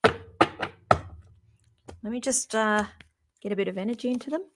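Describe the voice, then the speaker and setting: A woman's voice: a little high, very noisy. A middle-aged woman giving a casual live-stream psychic reading, musing aloud and stopping and restarting as she talks. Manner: chatty, musing aloud, halting with restarts and fillers. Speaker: psychic reader.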